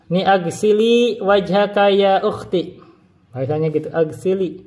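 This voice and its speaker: A man with an Indonesian accent, a native Indonesian speaker, teaching Arabic. He reads Arabic phrases slowly and then explains quickly in Indonesian. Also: sits high, darkish tone. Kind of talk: casual classroom explanation.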